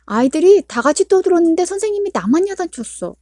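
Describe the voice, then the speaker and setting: A woman's voice: very high-pitched, big pitch swings, fast, dark tone, no echo, clean studio sound, voice pushed up. A woman voicing an upset young schoolchild who complains and talks back in a whiny, indignant way. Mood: aggrieved.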